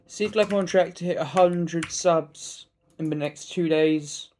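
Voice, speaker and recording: A man's voice: on the high side, fairly even intonation, measured pace, darkish tone, slight background noise. A man giving casual gameplay commentary as a streamer, thinking aloud as he plays. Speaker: gaming streamer.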